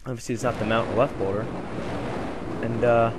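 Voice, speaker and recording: A man's voice: mid-range voice, fairly even intonation, normal speed. A man giving casual, joking commentary while playing a game, recorded on a desk mic with hiss. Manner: joking, wry, rambling. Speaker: let's play commentator. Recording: hissy home recording.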